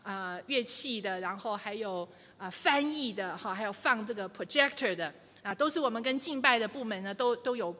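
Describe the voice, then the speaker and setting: Woman preaching to a church crowd, lively, acts stuff out, bright sharp voice. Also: mid-range voice, normal speed, few pauses. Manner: lively, acts out quoted lines with humor. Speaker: church speaker. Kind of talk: sermon teaching to a congregation. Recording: long reverb of a large hall.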